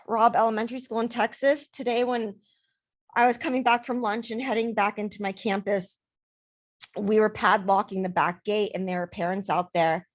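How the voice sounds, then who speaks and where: A woman life coach talking casually to camera in her vlog, emphatic and repeating words for stress. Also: a little high.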